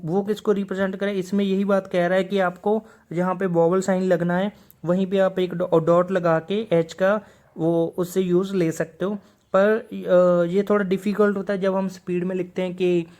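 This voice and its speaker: A man's voice: high voice, level tone, normal speed, a little mellow. Patient man teaching a lesson. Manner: patient, repeats each example word twice. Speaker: shorthand teacher. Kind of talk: video lesson explaining.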